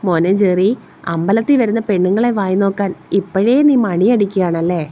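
A woman voicing a sharp-tongued young woman who mocks and scolds. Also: mid-range voice, fairly quick, slight background noise, close to an everyday voice. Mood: mocking. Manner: mocking, scolding.

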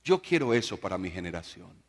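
A man's voice: sits low, big pitch swings, a little fast, big-room sound. A man preaching a sermon, telling stories and joking with the congregation. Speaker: pastor.

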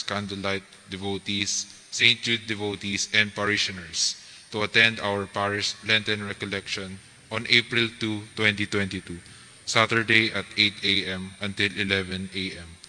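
A man reading prayers and parish announcements at Mass in a measured, steady voice, recorded at a lectern microphone in a large church. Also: on the low side. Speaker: lector and commentator at Mass. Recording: church hall reverb.

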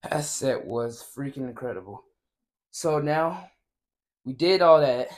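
Slow-talking tired man in a gym. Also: medium pitch. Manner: relaxed, chatty, addresses viewers directly. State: tired from lifting. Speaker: fitness vlogger. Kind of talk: casual workout vlog.

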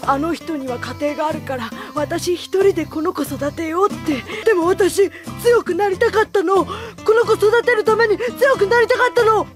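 A woman's voice: extremely high pitch, moderate pace, few pauses. A woman voicing an earnest, apologetic alien mother-to-be in an anime comedy, speaking in a plaintive, confessional way. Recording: background music under the dialogue.

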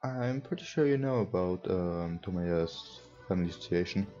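A young man with a deep, mellow voice and lively intonation reads game text and comments casually at normal speed as a let's player. His first language is not English, and he is at a computer in a small indoor room. Muffled audio carries visual novel background music.

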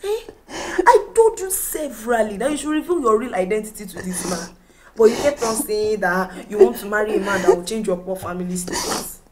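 An actress playing a blunt female friend who scolds and then calms a crying woman. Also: medium pitch, natural voice, rough recording. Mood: scolding. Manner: scolding, then hurried soothing. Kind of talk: film drama acting.

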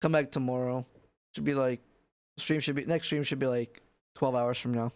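Streamer guy wrapping up, loose and mumbly, dry livestream headset sound, mid-pitched. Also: steady tone, moderate pace, clean tone, dry recording. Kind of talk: casual chat with viewers.

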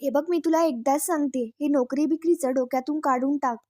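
A woman reading the lines of a bossy, suspicious middle-aged aunt in a sharp, dismissive manner. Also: high voice, steady tone, fairly quick, dry recording, studio quality, lightly acted.

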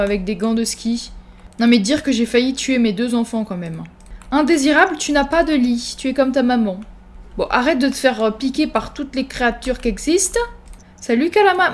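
A young woman giving excitable let's-play commentary on a life-simulation game, teasing her characters and erupting into mock-dramatic panic. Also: fairly high pitch, fairly quick. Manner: animated, exclamatory, mock-dramatic; teasing, self-mocking asides. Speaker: gaming video host.

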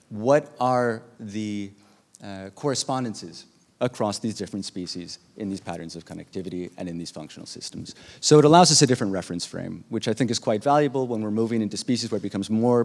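A keynote speaker at an academic conference lectures in a reverberant hall, his voice fairly low and a little mellow. He is measured, pausing often with "uh" as he explains his slides.

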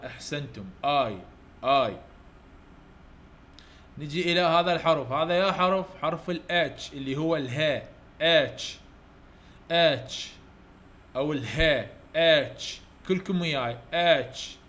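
A man with an Iraqi Arabic accent, teaching English letters to children online, coaxing loud repetition and heaping praise. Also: fairly high pitch, a little hiss or hum. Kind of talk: online letter-drill lesson.

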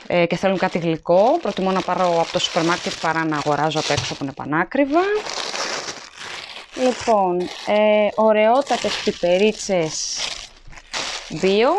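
A woman talks through her grocery haul in a relaxed, chatty way, naming each item and its weight. She films on a handheld phone indoors at home. Her voice sits at an ordinary middle pitch, with faint noise behind it. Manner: chatty, lists items and weights as she goes. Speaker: vlogger. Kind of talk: casual haul vlog narration. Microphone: handheld phone camera, filming items up close.

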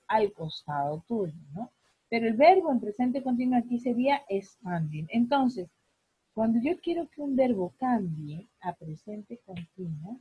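Slow, husky woman teacher. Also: on the high side, darkish tone, no echo, rough recording. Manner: slow, patient explaining with drawn-out English examples. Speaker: English teacher. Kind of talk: online class lesson.

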